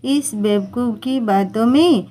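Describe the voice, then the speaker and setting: A woman's voice: a little high, takes it slowly, dark tone. A woman voicing a stern, exasperated middle-aged mother-in-law who scolds her daughter-in-law.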